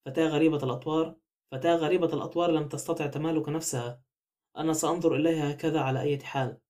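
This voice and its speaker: A man reading the part of a weary, troubled young woman in an audiobook, soft and subdued. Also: on the high side, steady tone, racing, natural voice. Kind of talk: audiobook character voice.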